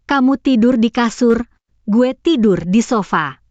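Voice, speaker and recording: A woman doing a sharp-tongued young secretary. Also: a little high, animated, measured pace, no room sound, muffled recording. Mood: worried. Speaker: dub actor. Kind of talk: Indonesian dub of a drama series.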